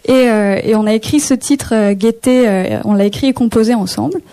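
Warm-voiced young French woman, hesitant. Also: on the high side. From Picardy, France. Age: young adult. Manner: chatty, hesitant with many pauses. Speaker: singer-songwriter guest. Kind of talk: casual radio interview. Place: radio studio.

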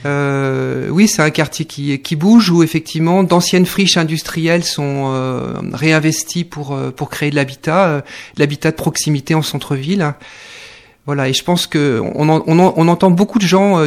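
Hesitant man, slightly high voice. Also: moderate pace. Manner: hesitant, many fillers and restarts. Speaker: guest, neighbourhood committee co-president. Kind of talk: radio interview. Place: radio studio.

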